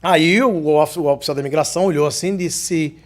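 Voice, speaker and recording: A man giving a spiritist lecture, telling lively stories with jokes and speaking directly to the audience. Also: fairly high pitch, a little fast. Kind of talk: humorous lecture anecdote.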